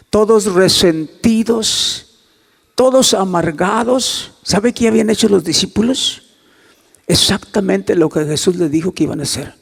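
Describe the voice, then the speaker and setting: A male pastor preaching a sermon, swinging from soft near-whispers to loud emphatic climbs and acting out dialogue in a hushed voice. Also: high-pitched, vocal fry, slightly rough, in a large hall. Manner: acts out quoted dialogue in a hushed voice.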